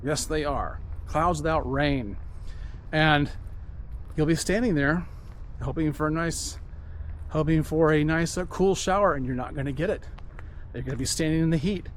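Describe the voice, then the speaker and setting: Here a man with a fairly high voice talks at a moderate pace, pausing often, as he walks outside. He's a vlogger giving a reflective, earnest walk-and-talk monologue full of rambling and repetition, and there's slight background noise.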